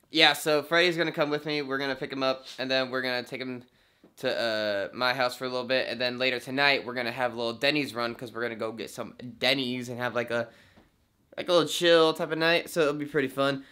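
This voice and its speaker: A man's voice: mid-range voice, a little fast, bright, forceful tone, clear, resonant tone. A young man hosting a casual vlog from inside a vehicle, laid-back and joking, laughing often. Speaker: vlogger host.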